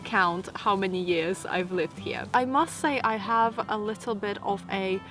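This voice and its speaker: A woman of thirty with a Latvian accent, talking calmly to camera outdoors in autumn woods, answering viewer questions. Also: mid-range voice, soft background music. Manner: soft, unhurried and reflective, with light laughs. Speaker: vlogger.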